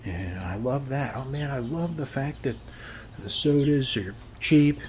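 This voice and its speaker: In a casual ASMR roleplay, a man takes on the part of a chatty, friendly suburban neighbor, rambling reassuringly in a folksy manner and tagging lines with short questions like "okay?" His voice is natural and medium-pitched, darkish and lively, a bit slow, with a slight hiss or hum.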